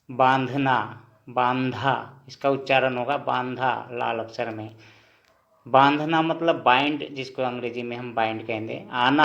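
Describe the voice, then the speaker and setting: A male teacher walks through a word list at an unhurried, deliberate pace, saying each term twice and pausing to check in with his viewers. His mid-pitched voice rings in a roomy, echoey space. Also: vocal fry, a bit bright. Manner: repeats words slowly, checks in with "ठीक है दोस्तों". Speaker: language teacher. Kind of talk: slow spoken lesson, explaining word by word.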